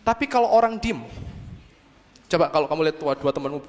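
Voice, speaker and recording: A man with a fairly high voice speaks to a young crowd, drawing them in with constant questions and acting out quick little exchanges between people. His voice rings out with a long hall reverb. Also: lively intonation. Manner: keeps asking the audience for agreement; acts out short dialogues in other voices. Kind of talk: lively talk to a youth audience.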